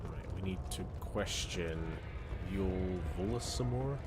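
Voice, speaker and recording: A man's voice: sits low, slow pace, heavy background noise. A man doing casual game commentary as a streamer, with crude, sardonic, muttered asides. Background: game music.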